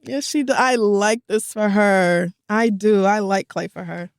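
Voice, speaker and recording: A woman's voice: mid-range voice, fairly even intonation, unhurried, no room sound. A woman co-hosting a podcast in casual chat, laughing often, blunt and swearing freely. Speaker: podcast co-host.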